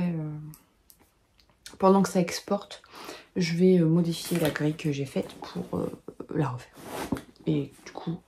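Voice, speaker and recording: Woman in her thirties, warm and relaxed, thinking aloud in a casual home vlog. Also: lowish voice. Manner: chatty, many filler sounds, thinks aloud. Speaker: knitting vlogger and pattern designer. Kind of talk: casual chat to camera. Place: home at a desk, lit by a lamp.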